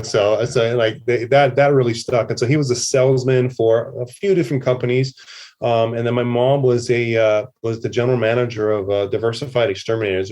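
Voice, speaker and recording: A middle-aged man from Hawaii talks loosely in an interview, circling back on himself with fillers and restarts. His voice sits on the low side. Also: a little mellow. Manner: rambling, many fillers and restarts. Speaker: festival producer, podcast guest. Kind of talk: casual conversational interview.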